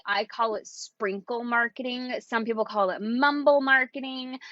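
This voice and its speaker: A woman giving casual sales coaching in an excitable, chatty way. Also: mid-range voice, dry recording, lo-fi sound. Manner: excitable and chatty, acts out quotes. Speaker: network marketing coach.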